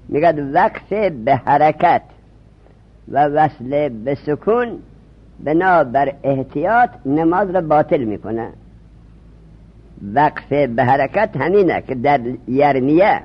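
A man teaches a religious studies lesson, his husky voice sitting a little high. He repeats each term and quizzes the class with quick questions. The recording sounds dull and lo-fi.

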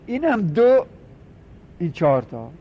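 Male classroom teacher, explanatory and repetitive, quizzes students, somewhat high voice, muffled lo-fi recording. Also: very animated, creaky, breathy edge. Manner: explanatory, repeats terms, asks students quick questions. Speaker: teacher of Arabic morphology. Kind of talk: classroom lecture, explaining and counting forms.

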